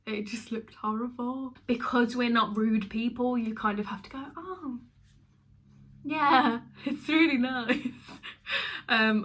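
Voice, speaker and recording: A woman's voice: a little high, pushed and bright. A young woman from the UK chatting casually to camera as a vlogger, laughing often and using many fillers.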